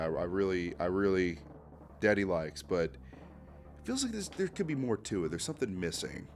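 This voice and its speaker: A man hosting a casual reaction video, excitable and slangy, often saying "dude" and laughing as he talks. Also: deep voice. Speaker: YouTube host ranking fan art.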